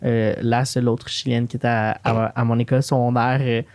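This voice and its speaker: A man in a casual podcast chat. He speaks haltingly, restarting phrases and filling pauses. His voice is at a middle pitch and sounds dry and close. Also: little pitch movement, a little mellow, clear, resonant tone, no room sound. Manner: hesitant, restarts and fillers. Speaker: podcast co-host. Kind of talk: casual conversation.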